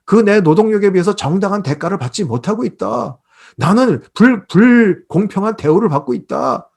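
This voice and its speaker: A male pastor giving an online Bible lecture, telling a story in an animated way and acting out the characters. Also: high voice, moderate pace, vocal fry, husky. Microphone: video call.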